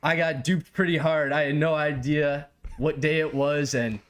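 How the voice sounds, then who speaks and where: A young man co-hosting a sports podcast, telling a long story in an animated, exasperated way. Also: fairly high pitch, normal speed. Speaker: podcast co-host.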